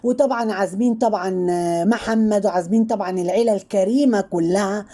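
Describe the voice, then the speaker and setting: Commenting on online personalities for her channel, this Egyptian-accented host dishes out playful, mocking gossip, repeatedly falling back on the same fillers. She speaks fast in a mid-range voice with a warm tone.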